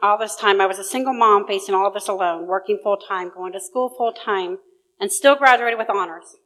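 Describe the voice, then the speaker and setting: A middle-aged woman reading her personal testimony in church, recounting it in an earnest, steady way. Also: mid-range voice, fairly quick, poor audio. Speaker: church member giving testimony. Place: church sanctuary.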